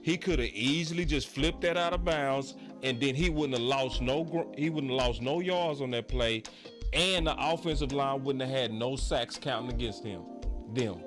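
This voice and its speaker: A man hosting a sports talk show, casual and emphatic, with slangy, animated delivery. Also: medium pitch, moderate pace, over music.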